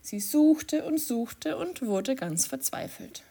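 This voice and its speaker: A woman narrating a children's story in an expressive, sing-song manner. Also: high voice, slow, vocal fry.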